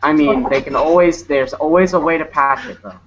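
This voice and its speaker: A man's voice: on the high side, a little fast, a crowd in the background. A man chatting casually on a podcast, stammering and exasperated. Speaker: podcast co-host. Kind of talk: casual chat. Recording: lo-fi with clear background noise.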